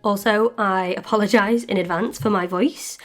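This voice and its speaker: A woman's voice: mid-range voice, fairly even intonation, normal speed, a bit bright, faint music behind. A woman in a casual sculpting tutorial, rambling through her plans with plenty of asides. Her voice sounds stuffy and congested from a long chest infection. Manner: chatty and rambling, with frequent asides. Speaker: clay sculpting channel host.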